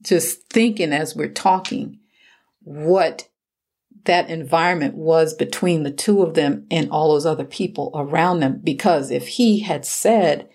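A woman's voice: sits low, unhurried, darkish tone. A woman in a casual Bible discussion, thinking aloud and wondering about the scene. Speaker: Bible study co-host.

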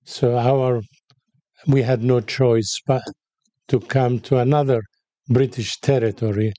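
An older man from Cyprus, born in Haifa, interviewed as a guest, telling his story in an unhurried, reflective way. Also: medium pitch, fairly even intonation, warm tone, no room sound. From born in Haifa, raised in Cyprus. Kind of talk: interview conversation.

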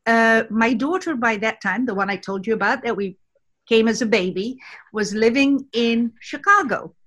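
A woman's voice: on the high side, moderate pace, a bit bright. A woman in her sixties from Egypt, a podcast guest recounting her life in a conversational, storytelling way. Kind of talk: podcast interview, personal story.

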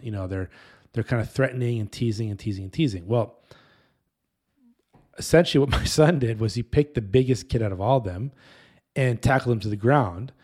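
A man in his thirties preaching casually, telling a story in an animated, rambling way that often breaks off and restarts. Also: fairly low pitch. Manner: animated, rambling, self-interrupting. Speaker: pastor.

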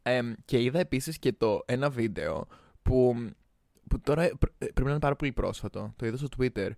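A young Greek man co-hosting a casual chat, animated and laughing, slipping playfully into other languages. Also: medium pitch, creaky, no echo, studio quality. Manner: animated, laughing, jumps into playful English and Spanish.

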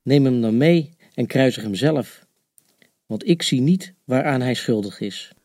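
A woman voicing a stern, questioning male Roman governor in a dramatized scripture reading, her voice pushed down low. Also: animated, measured pace, warm tone, no room sound, clean studio sound, full character voice.

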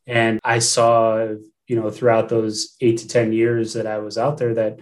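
Low, flat-voiced man hosting a podcast. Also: a little slow. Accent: American. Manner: hesitant, with repeated restarts and fillers. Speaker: podcast host. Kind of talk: podcast interview.

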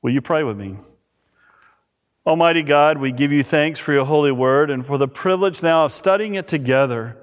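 A pastor preaching a sermon at a pulpit microphone in a church, reading scripture and praying in a measured, emphatic way. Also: male voice, on the high side. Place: church sanctuary. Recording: reverberant church hall.

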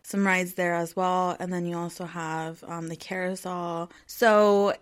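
A woman in her thirties with a lowish voice chats alone on her podcast in a level, unhurried tone. She rambles casually and fills it with lots of "um" and "like."

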